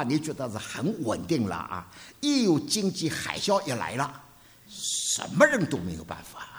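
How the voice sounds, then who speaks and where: An older male preacher gives a sermon. His pitch leaps and falls widely, and he moves from loud to hushed as he tells stories. The delivery is very lively. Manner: animated storytelling with sharp swings between loud and hushed.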